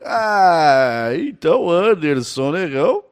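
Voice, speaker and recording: A man's voice: a little high, very animated, slow, clear, resonant tone. A man with a Brazilian accent hosting a podcast, joking crudely and laughing often. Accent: Brazilian Portuguese. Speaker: podcast host. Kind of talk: casual podcast banter.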